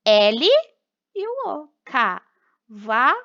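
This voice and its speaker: A bright, fairly high-voiced young woman with a Brazilian Portuguese accent teaches children, drawing each syllable out slowly and patiently. The recording sounds dull and lo-fi. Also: expressive. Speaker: primary school teacher. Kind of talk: recorded remote class for children.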